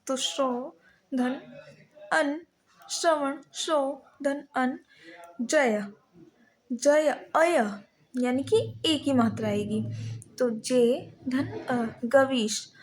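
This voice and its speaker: A woman teaching a Hindi grammar lesson, patiently breaking words into their parts one piece at a time. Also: sits high. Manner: slow, patient, spelling out word parts one by one.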